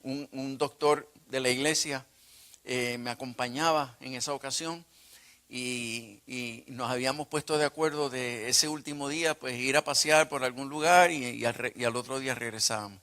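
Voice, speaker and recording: A man pastor telling a personal testimony in a sermon, emotional and surging to loud bursts. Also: medium pitch, fairly even intonation, moderate pace. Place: retreat conference hall.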